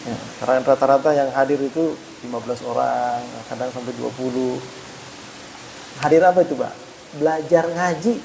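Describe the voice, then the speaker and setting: A man giving a mosque study lecture, chatty and addressing listeners as sir, saying "ya" after nearly every phrase and slowly demonstrating Arabic letter sounds. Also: mid-range voice, gravelly, darkish tone, a little hiss or hum, low-quality recording. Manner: punctuates phrases with a frequent "ya"; conversational, addresses listeners as "Pak". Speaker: Islamic teacher.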